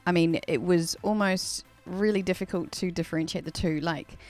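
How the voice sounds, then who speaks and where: A singer from New Zealand hosts a live stream, chatting casually, laughing often and using lots of fillers, her New Zealand accent tinged with Australian. Her voice is lowish and darkish, with fairly even intonation and a moderate pace, over soft background music.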